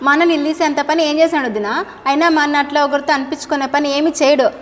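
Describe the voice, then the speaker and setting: A woman's voice: high-pitched, steady tone, rapid-fire, a little hiss or hum, close to an everyday voice. A woman acting as a nosy, whiny younger sister-in-law who pleads and pries, speaking in a melodramatic family drama. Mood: pleading. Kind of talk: melodramatic short-video acting. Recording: roomy reverb with background music.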